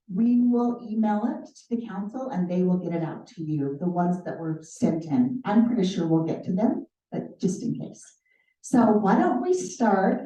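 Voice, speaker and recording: With a mellow, mid-range voice, a middle-aged woman mayor greets people warmly and chattily at a community meeting, laughing readily and staying upbeat. She's in a city hall community room, captured from a distance in an echoey space that sounds dull.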